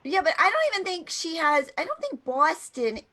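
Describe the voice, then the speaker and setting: A woman's voice: very high-pitched, big pitch swings, moderate pace, pushed and bright. A woman co-hosting a casual morning show over a video call, bubbly and laughing often. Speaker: co-host.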